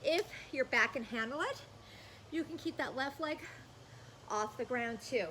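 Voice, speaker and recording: Female workout coach, energetic cueing and counting, high bright voice, some background noise. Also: a little slow, rough recording. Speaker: fitness instructor. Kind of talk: workout instruction.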